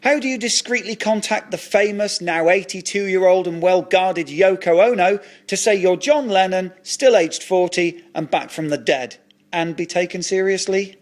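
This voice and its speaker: A man narrating a comic audio story in a dry, matter-of-fact tone. His voice sits slightly high for a man, and the delivery stays even and scripted. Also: normal speed.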